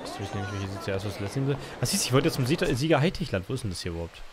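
A man's voice: lowish voice, sing-song, rapid-fire, over music, a crowd in the background. A man casually commenting on his gameplay as a let's play host, muttering and rambling with many fillers.

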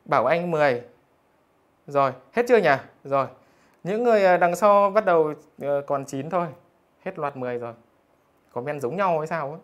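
A man's voice: on the high side, lively intonation, normal speed, pauses often, highs cut off. A male math teacher, reading out students' scores in a live online lesson in a teasing, jokey way. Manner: teasing, jokey, keeps asking "được chưa?".

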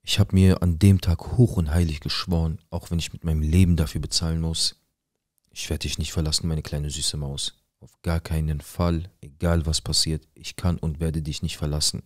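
A man's voice: very deep voice, level tone, normal speed, dry recording, studio quality. A young man telling a personal story in casual street slang, acting out quoted dialogue. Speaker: guest telling his life story.

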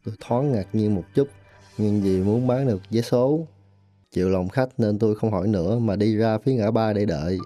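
A man voicing an older lottery seller recounting his story in voice-over, his Southern Vietnamese narration plain and reflective. The voice is low and very mellow, over faint music. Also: normal speed, lightly acted. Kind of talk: first-person voice-over narration.

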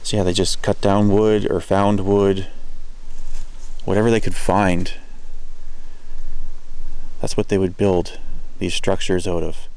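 A man casually narrating as he walks through abandoned buildings in the woods, talking in a relaxed, plain way and thinking aloud. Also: deep voice, slow pace, pauses often, clear, resonant tone. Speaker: urban explorer. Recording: music playing under the voice.

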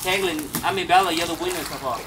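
By a backyard pool, a middle-aged man coaches children in a casual family setting, coaxing and teasing them. His voice is fairly high and fast. A handheld camera a few meters away captures it outdoors, with splashing water audible.

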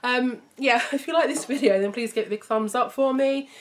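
A woman's voice: a little high, brisk. A young woman hosting a vlog, chatting casually to camera in a giggly way. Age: young adult. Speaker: vlog host. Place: room at home. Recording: faint noise, home recording.

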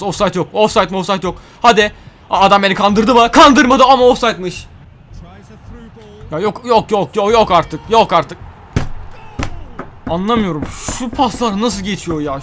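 Excitable young man shouting over a game. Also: on the high side. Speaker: gaming YouTuber. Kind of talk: live football video game commentary. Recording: faint game music behind.

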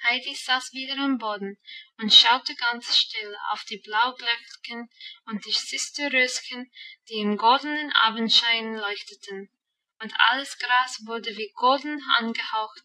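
A woman narrating an audiobook in a calm, even storytelling voice. Her tone is bright and somewhat high, and she sounds a little distant from the mic. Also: a little slow. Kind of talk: scripted narration.

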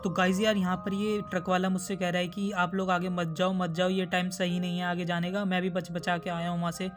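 A man's voice: high-pitched, completely flat delivery, fairly quick, soft background music. A man doing chatty gameplay commentary, talking straight to his viewers and getting jumpy and easily spooked. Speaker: gaming YouTuber.

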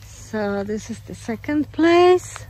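Walking outdoors among her poultry and garden, an Australian woman narrates her homestead on a handheld phone camera, which yields a low-quality recording with a bit of hiss. She sounds fairly high, darkish and animated, taking her time with fillers and the odd turn of phrase.

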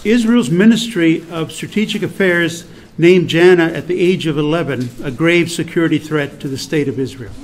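Older guy at a podium mic introducing the next speaker, kinda high voice, slow and read out. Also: slight background noise. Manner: measured, read-out delivery. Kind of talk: formal scripted introduction. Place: large indoor meeting room. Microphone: podium microphone.

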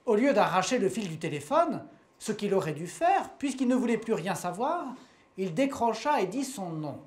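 A woman reads a short story aloud in a measured storytelling voice. She lingers on the repeated phrases and lets each sentence land plainly. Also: medium pitch, big pitch swings, a little mellow. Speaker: reader.

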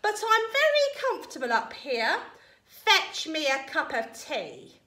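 A woman voicing a crabby, bossy old grandma from a storybook, yelling scornfully in drawn-out words. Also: sits high, big pitch swings, full character voice. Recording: roomy echo, distant from mic.

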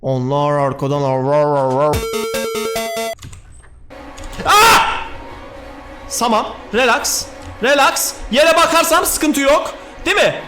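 A young man giving excitable horror let's-play commentary, talking to himself, swearing and yelping at scares. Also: sits high, moderate pace. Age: young adult. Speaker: gaming YouTuber. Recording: game music playing behind.

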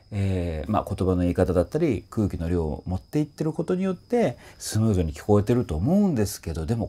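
A man's voice: fairly low pitch, breathy edge. A man working as a voice trainer, explaining a song in a casual lesson and singing short phrases to show how they go. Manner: animated, sings short phrases to demonstrate. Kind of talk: casual music lesson commentary.

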